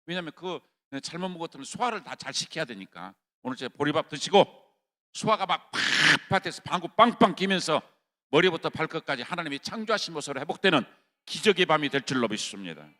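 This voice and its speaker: Animated, bright-voiced preaching man. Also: on the high side, fast. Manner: animated, swings from hushed to shouting. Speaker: pastor. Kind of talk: revival sermon. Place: prayer retreat hall.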